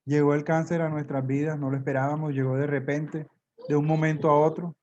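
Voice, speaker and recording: Man, pastor, church testimony, measured, dark mellow tone, muffled recording. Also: a little high, level tone.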